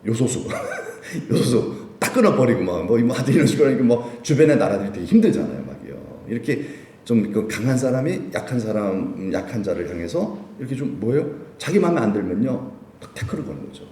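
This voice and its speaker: Male pastor, chatty sermon, animated pitch, roomy church sound from a distant mic. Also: a little fast, slight background noise. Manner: chatty, asks the listeners many questions. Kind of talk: conversational sermon at a midweek prayer meeting. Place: church sanctuary.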